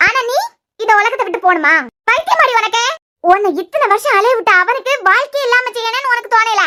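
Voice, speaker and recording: Cartoon friend: woman doing a blunt, protective young woman, Kanyakumari Tamil accent, scolding, very high voice. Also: lively intonation, fairly quick, bright, forceful tone, slight background noise, heavily acted. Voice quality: very high-pitched. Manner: scolding, incredulous. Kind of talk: cartoon serial voice acting.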